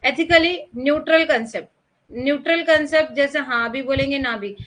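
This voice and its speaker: A woman's voice: high voice, normal speed, fairly bright tone, slight background noise, rough recording. A young woman teacher giving a chatty exam-prep lecture, mixing English terms into her explanations and asking her students questions.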